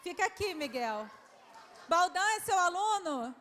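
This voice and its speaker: Brazilian woman historian, very high voice, coaxing quizmaster for kids, long hall reverb. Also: sing-song, a little slow, fairly bright tone. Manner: affectionate, coaxing, calls children "my love". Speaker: historian hosting a quiz for schoolchildren. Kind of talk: lively quiz with children at a public event. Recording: reverberant hall, faint background noise.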